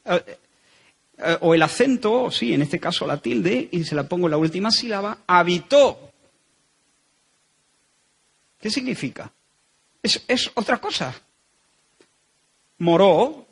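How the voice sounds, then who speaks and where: A male pastor with a Spanish accent from Spain delivers an earnest sermon. His voice sits high for a man and has a husky edge. He presses points home through emphatic repetition.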